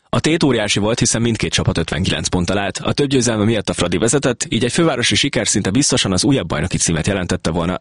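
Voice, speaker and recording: Male sports narrator, scripted read, deep and slightly rough voice, very dry sound. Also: a bit bright, dry recording.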